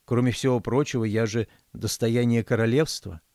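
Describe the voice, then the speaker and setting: A man reading an audiobook, voicing a polite young beauty who answers calmly and asks puzzled questions. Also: mid-range voice, normal speed, dry recording, studio quality, lightly acted. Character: composed young female beauty.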